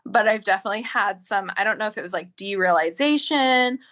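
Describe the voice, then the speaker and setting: Female counselor guest, bright forward voice, reflective casual talk. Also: medium pitch, lively intonation, brisk. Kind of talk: casual livestream chat.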